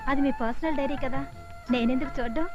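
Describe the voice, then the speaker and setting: An actress playing a shy, coy young wife who answers her husband in a soft voice. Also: high-pitched, steady tone, a little fast, lo-fi sound, over music, close to an everyday voice.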